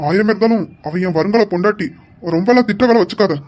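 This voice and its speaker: A woman's voice: mid-range voice, quick pace, darkish tone, lightly acted. A woman voicing a scheming, sleazy young man who is a wife's brother, in a home-made audio drama. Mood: smug. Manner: smug, sly and sleazy.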